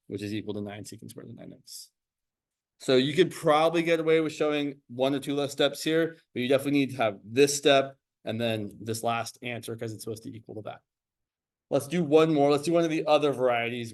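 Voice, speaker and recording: Uomo, insegnante che dirige una prova come un sorvegliante d'esame. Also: male voice, mid-range voice. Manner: exam proctor calling out time limits and instructions; informal, coaching students directly. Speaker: calculus instructor running a timed exam review. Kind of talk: classroom maths lesson, explaining worked problems step by step.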